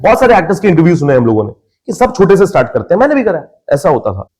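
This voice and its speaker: A man's voice: fairly high pitch, rapid-fire. A young Indian man from India, a podcast guest and actor, telling his life story in casual conversation and acting out his family's voices. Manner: lively storyteller who acts out family members' voices.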